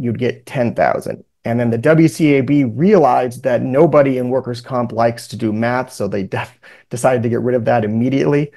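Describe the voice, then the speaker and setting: A man's voice: medium pitch, creaky, darkish tone. Man presenting an explanatory legal webinar. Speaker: presenter, workers' compensation lawyer. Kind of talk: webinar lecture explaining legal rules from slides. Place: indoors, on a video call.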